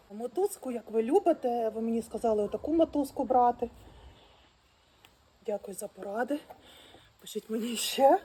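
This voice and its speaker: A woman talking casually and with great excitement straight to her viewers, full of exclamations. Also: a little high, slight background noise. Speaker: vlogger arranging flowers. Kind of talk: casual how-to chat. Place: outdoors at home, birds nearby.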